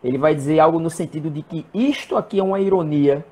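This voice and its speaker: A man, a presbyter and guest, talking in a measured, hesitant way in a casual live chat about the Bible. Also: on the high side, mellow, slightly rough.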